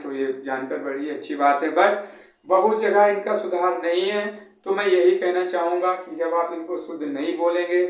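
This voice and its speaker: A man's voice: fairly high pitch, very echoey, far from the mic, rough recording. A man teaching an English lesson. He spells words out letter by letter, and he keeps asking the class questions and then answering them himself.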